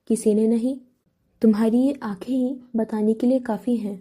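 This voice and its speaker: A woman's voice: fairly high pitch, steady tone, warm tone, husky. Teasing young male friend, read by a woman. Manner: teasing, prodding questions. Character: teasing, curious young man, a close friend.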